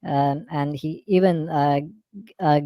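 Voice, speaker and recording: A man from India, his voice disguised by a pitch-shifting voice changer, speaking haltingly as an interview guest. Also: steady tone, no echo, dull audio. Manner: halting, many fillers and restarts. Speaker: guest, former Islamic scholar. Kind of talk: interview over a live stream.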